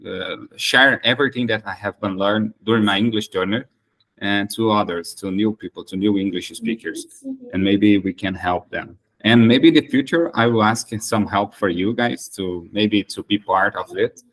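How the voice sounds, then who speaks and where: This Brazilian host, a native Portuguese speaker, runs a casual English conversation practice and talks haltingly, frequently starting over. The recording is rough, and his slightly bright voice sits on the low side at a normal speed.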